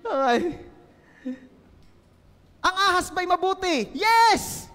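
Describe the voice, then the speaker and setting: High-voiced Filipino pastor in an echoing hall. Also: male voice, normal speed, fairly bright tone. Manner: joking, asks the congregation questions. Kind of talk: lively humorous sermon. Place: church hall.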